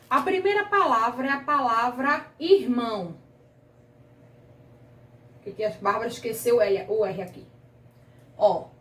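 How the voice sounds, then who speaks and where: A woman's voice: sits high, a bit bright, reverberant, recorded from a distance. A woman teaching a grammar lesson to children, patient and questioning, stretching out key words, with a Brazilian Portuguese accent. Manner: patient, asks the class questions, drags out words.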